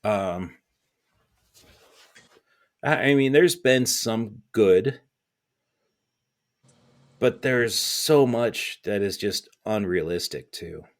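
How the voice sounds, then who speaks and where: A man's voice: fairly low pitch, animated, drawn-out words, pauses often. A man in casual, opinionated conversation, ranting bluntly with exasperation and some swearing.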